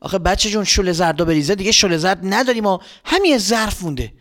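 A man's voice: high voice, expressive, fairly bright tone, voice pushed up. A man voicing a fussing mother. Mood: worried. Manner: worried, nagging. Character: fussing mother of a young boy.

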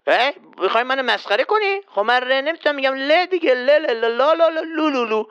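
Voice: high-pitched, sing-song, fairly bright tone, lo-fi sound. A performer voicing a childish, easily offended man who says L in place of R, in a children's quiz skit. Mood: petulant. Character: silly round man who can't say R. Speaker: quiz contestant.

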